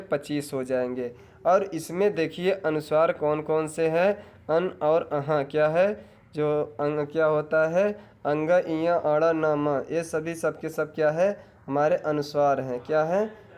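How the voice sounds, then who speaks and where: Man, exam coaching teacher, a little high-pitched, repeats each point as a question then answers it. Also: darkish tone. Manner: addresses viewers directly, tells them to take notes. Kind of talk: exam-prep grammar lesson.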